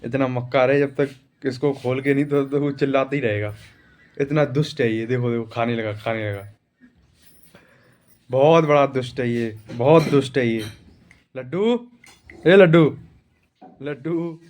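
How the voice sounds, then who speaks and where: A man's voice: medium pitch, darkish tone. Chatty male vlogger talking to viewers. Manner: chatty, addressing viewers directly. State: back pain. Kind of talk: casual vlog narration.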